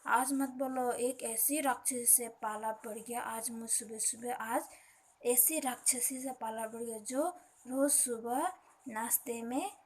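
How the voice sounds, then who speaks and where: A woman's voice: a little high, steady tone, measured pace, a little hiss or hum, close to an everyday voice. A woman voicing a hungry male lion in a children's story, threatening at first and later shaken and complaining. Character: hungry male lion, blustering then frightened.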